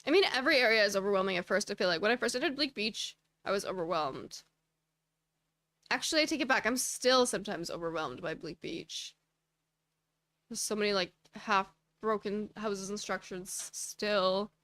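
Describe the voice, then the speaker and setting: A woman's voice: medium pitch, a little fast, fairly bright tone, no echo. A woman streamer chatting casually while playing a game and answering viewer chat with rambling asides.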